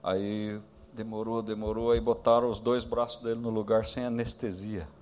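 A man, a pastor, telling a personal story in a sermon, acting out quoted voices high and loud, then dropping to hushed tones. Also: flat delivery, moderate pace, slight background noise. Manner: drops to hushed tones in tender moments.

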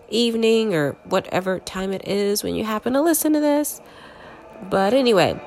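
A woman with a congested, stuffy-nosed voice from a cold, hosting a casual, chatty horror movie review full of conversational filler words. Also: medium pitch. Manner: chatty, conversational, frequent "like" and "you know". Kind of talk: casual solo review chat.

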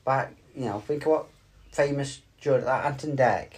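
A man's voice: medium pitch, normal speed. A middle-aged man, co-hosting a casual podcast with a playful, teasing and mock-stern manner. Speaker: podcast co-host. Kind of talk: casual chat.

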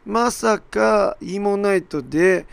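A male podcast host speaks alone in a hoarse, raspy voice that sounds worn out from shouting. The pitch sits slightly high for a man, and the sound is dry and close. His delivery is casual, apologetic and self-deprecating. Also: takes it slowly, no room sound. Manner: self-deprecating, apologetic, with mock-quoted asides. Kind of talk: casual solo podcast monologue.

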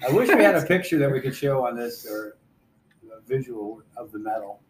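A man's voice: medium pitch, very animated, brisk, poor audio. Wisecracking man over a crowd murmur. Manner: dry wisecracking interjections. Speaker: podcast guest. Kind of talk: casual chat.

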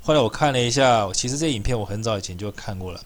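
Fast, scornful man. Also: lowish voice, animated. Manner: sarcastic, scornful, rising to heated outbursts. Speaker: political commentator. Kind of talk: mocking political monologue.

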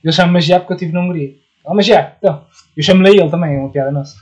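Quick, high-voiced Portuguese young man. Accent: European Portuguese. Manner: playful, uses slang and English gamer words. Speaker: podcast co-host. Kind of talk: casual chat.

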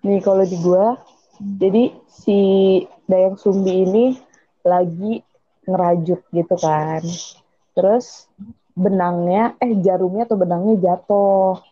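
A woman's voice: mid-range voice, fairly even intonation, takes it slowly, long pauses, no room sound, muffled recording. A young woman chatting casually, retelling a folk tale in a rambling way and correcting herself as she goes.

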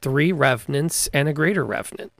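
Speaking briskly in a high-ish voice, a game master who co-hosts a podcast eagerly recounts tabletop game stories in casual chat, often restarting his sentences. The recording is dry.

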